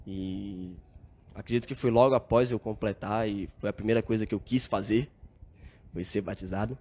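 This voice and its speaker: A young Brazilian man, a guest on a podcast, recounts his story in a casual interview, earnest and reflective and full of filler tags. His voice sits on the low side with a dark, steady tone and a moderate pace.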